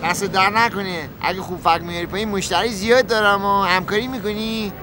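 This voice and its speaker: A man voicing a boastful, cheeky junk peddler riding in a taxi, rambling on in a high, reedy voice. He talks in a teasing sitcom manner. Loud street and traffic noise runs behind him. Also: steady tone, lightly acted. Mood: coaxing. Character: chatty male junk-peddling passenger, cheeky. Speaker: taxi passenger. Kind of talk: comic puppet-show acting.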